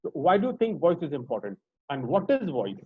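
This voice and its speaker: A man's voice: fairly high pitch, huge pitch swings, brisk, breathy edge, dry recording. A man teaching a voice training class over a video call, often asking the group questions. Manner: interactive, asks the group questions. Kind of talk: online training session. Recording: dry, slightly dull call audio.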